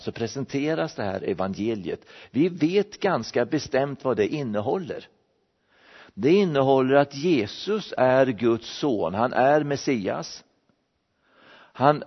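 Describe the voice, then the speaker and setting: A man giving an explanatory Bible-teaching sermon, restarting phrases as he thinks. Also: medium pitch. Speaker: preacher. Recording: dull recording in a reverberant hall.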